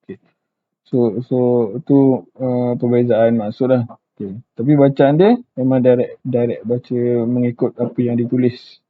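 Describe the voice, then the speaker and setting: A man with a Malaysian accent gives a relaxed language lesson, saying each word slowly and repeating it carefully. He speaks in an unhurried, easygoing way. The sound is thin and tinny, like it comes over a phone line. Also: medium pitch, no room sound. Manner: repeats words slowly and carefully, many fillers like okey. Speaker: Japanese language teacher. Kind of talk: casual online language lesson.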